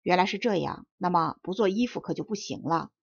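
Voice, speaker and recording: A courteous, flattering old tailor eager for work, read by a woman. The recording is dry with a slightly dull tone. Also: lowish voice, brisk, creaky, husky, no echo, pitched below the performer's own voice, exaggerated voice.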